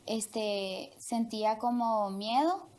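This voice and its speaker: Young woman, from Honduras, guest, hesitant, many fillers, unhurried. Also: fairly high pitch, a little mellow. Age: young adult. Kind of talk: testimony interview.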